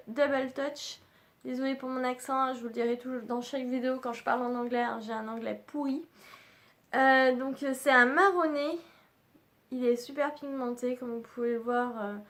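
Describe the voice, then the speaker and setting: A woman beauty vlogger chatting casually through a haul at home, full of fillers and restarts. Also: sits high. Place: indoors at home.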